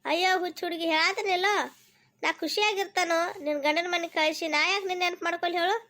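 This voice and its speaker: A woman's voice: extremely high pitch, steady tone, quick pace. A woman voicing a loving village mother in a cartoon, speaking with a North Karnataka Kannada accent and coaxing her daughter tenderly. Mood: reassuring. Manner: tender, coaxing, scolding gently. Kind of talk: cartoon voice acting.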